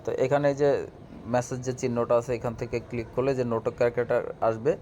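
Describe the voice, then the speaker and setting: This tutorial host speaks fast in a mellow, medium-pitched voice with a steady tone. He guides viewers through an app step by step in a casual, instructional manner, and room ambience and clear background noise are audible.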